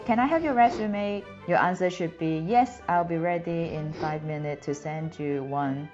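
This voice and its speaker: In a small, plain indoor room, a woman in her thirties from Hong Kong earnestly explains career advice to the camera, which frames her mid-shot. Her pitch is fairly low and her tone darkish, and she speaks with a Hong Kong accent, Cantonese being her first language, using slightly non-native phrasing in a clear, explanatory way. The recording is slightly dull, with faint music.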